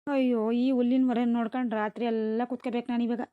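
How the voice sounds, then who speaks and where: A woman plays a cartoon village matriarch, an older woman with a rural Karnataka Kannada accent who scolds, laments and curses. Her voice sits high and rattles along quickly. The sound is dry and dull, a little lo-fi. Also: little pitch movement, no room sound, natural voice. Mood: grumbling. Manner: scolding, lamenting, cursing loudly. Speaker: mother-in-law and wife in a cartoon household. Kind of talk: cartoon voice acting.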